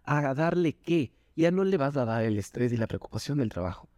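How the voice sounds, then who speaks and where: Zumba teacher guy on a podcast, lively and pitchy, kinda mellow tone, dry mic. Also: fairly quick, dry recording. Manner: animated, jumps in pitch when quoting people. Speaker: doctor and Zumba instructor, guest. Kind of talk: enthusiastic interview talk.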